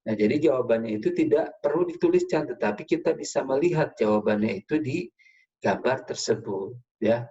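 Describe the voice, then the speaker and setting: A man teaching a class of children, patient and steady in his explanations. He keeps tagging his sentences with small checking words. The recording sounds dull and lo-fi. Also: medium pitch, a little fast. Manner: patient, repeats "ya" and "nah" often.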